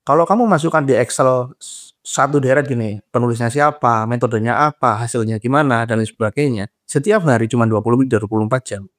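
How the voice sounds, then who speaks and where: A young adult man, a guest in a casual interview, explaining points lively and acting out dialogues with short laughs. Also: medium pitch, fast. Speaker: guest, graduate psychology student and trainer.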